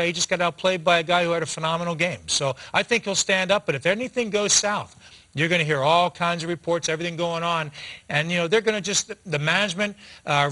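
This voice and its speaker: A man in his forties giving post-game hockey analysis in a TV studio, talking fast with restarts, on a lapel mic. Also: on the high side. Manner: fast, animated talk with restarts, gesturing with hands. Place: TV studio set.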